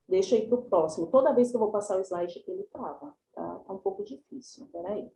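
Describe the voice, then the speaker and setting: A woman's voice: mid-range voice, animated, a little fast, vocal fry, warm tone, echoey room, faint music behind, low-quality recording. A woman, giving an online class presentation over a video call in a chatty, explanatory way. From São Paulo, Brazil. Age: 30s.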